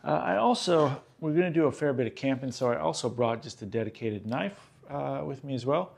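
A man in his fifties from Australia, hosting a casual gear vlog and chatting in a relaxed way with lots of "uh"s, recorded at a table in a small room. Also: medium pitch, fairly quick, gravelly. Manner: relaxed, chatty, many "uh" fillers. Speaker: host. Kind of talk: casual show-and-tell vlog.

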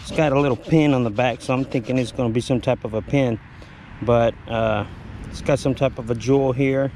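A man with a drawl talks his way through a metal detecting hunt, a little winded and full of filler words. His voice sits at an ordinary pitch. A faint hum of the outdoors stays underneath. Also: steady tone, brisk, a little mellow. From Texas. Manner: rambling, with frequent filler words. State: out of breath. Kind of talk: casual narration while digging. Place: outdoors in a humid field.

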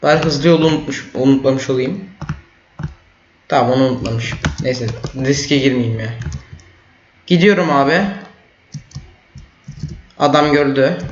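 A teenage boy commentating his own gameplay, excitable, yelling and trash-talking at opponents. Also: medium pitch, a little hiss or hum. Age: teens. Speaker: gaming YouTuber. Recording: roomy, dull lo-fi mic.

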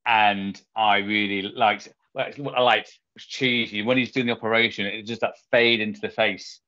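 A man's voice: on the low side, fairly even intonation, normal speed, sharp tone. A man co-hosting a podcast, talking in a rambling, chatty, amused way. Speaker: podcast co-host. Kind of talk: casual chat. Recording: dull lo-fi podcast audio.

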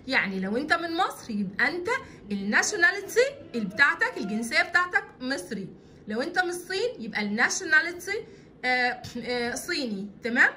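A woman with an Egyptian Arabic accent teaching an English lesson to young pupils, spelling words out slowly and repeating them. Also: high voice, bright, forceful tone, a little hiss or hum. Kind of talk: online English lesson for children. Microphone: voice-over on an interactive whiteboard video.

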